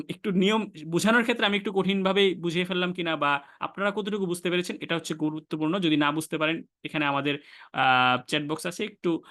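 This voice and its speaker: A man teaching Quran recitation in an online class, explaining rules step by step, asking and answering his own questions, and chanting the Arabic examples slowly. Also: a little high, bright, forceful tone. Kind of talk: online tajweed lesson.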